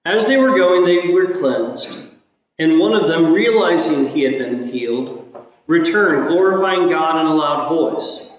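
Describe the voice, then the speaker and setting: High-voiced priest in cathedral echo. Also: male voice, expressive, a little slow. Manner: earnest and reflective, circles back to repeat key phrases. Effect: cathedral echo, voice ringing through a large church. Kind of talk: gospel reading and homily. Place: large church. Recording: echoey church hall from far off.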